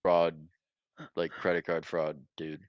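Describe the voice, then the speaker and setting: A man's voice: deep voice, completely flat delivery, slow, no echo, lo-fi sound. A young man hosting a casual podcast chat, laughing often and swearing loosely. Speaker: podcast host.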